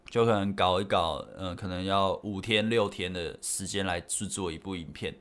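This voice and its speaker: A man's voice: low voice, fairly even intonation, moderate pace, fairly bright tone. A young man with a Taiwanese Mandarin accent, chatting casually on his solo podcast in a rambling, self-correcting way. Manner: rambling, self-correcting storyteller with frequent laughs. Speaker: podcast host.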